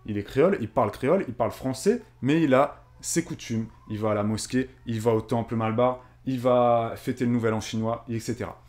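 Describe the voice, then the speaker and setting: A man from Réunion hosts a casual live stream, reading his chat's comments and replying in an earnest, musing way. He thinks aloud in long, winding sentences at a middling pitch for a man. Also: brisk, hardly any pauses, a little mellow. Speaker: streamer and co-host.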